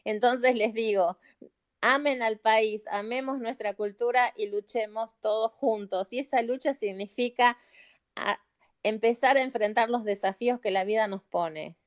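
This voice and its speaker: A middle-aged woman from Argentina speaks with an Argentine Spanish accent in a somewhat high, smooth and clear voice. She pleads earnestly with her listeners and repeats phrases to press her point home. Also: measured pace. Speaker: psychologist speaking as a caller in a live audio chat. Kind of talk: heartfelt appeal to listeners. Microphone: phone or computer mic in a live audio room.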